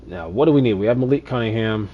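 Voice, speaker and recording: Low-voiced male streamer muttering through a rebuild. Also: lively intonation, fast talker, narrow, tinny audio. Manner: chatty, muttering to himself, exasperated rants. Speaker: gaming streamer. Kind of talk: casual gameplay commentary.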